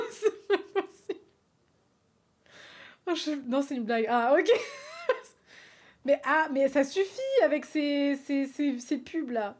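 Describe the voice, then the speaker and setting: A young woman streaming live, chatting casually with her viewers, animated and laughing often. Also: high voice, moderate pace. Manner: animated, laughs often, talks straight to chat.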